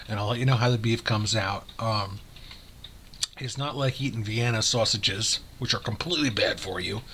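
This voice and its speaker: A man talking casually to his camera while eating, frank and rambling, with many pauses and fillers. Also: fairly low pitch, fairly bright tone, slight background noise. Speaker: vlogger. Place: home room.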